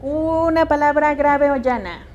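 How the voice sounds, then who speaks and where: Slow-paced Mexican Spanish woman teacher. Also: sits high, a little mellow, dull audio, slight background noise. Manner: patient, checks understanding with questions. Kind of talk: classroom lecture. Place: classroom.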